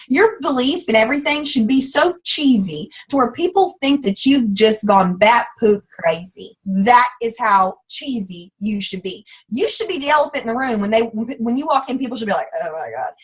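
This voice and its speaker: A woman from the American South delivers a fast, emphatic motivational talk as a guest speaker, pushing her listeners hard. Her voice sits a little high and has a husky edge. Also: animated, rough recording. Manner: loud, fast and emphatic, preachy pep talk.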